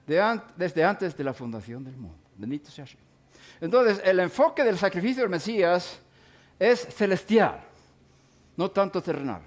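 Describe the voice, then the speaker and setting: A middle-aged man teaching a sermon-style Bible lesson, speaking deliberately and pausing to define and repeat key words. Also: sits high.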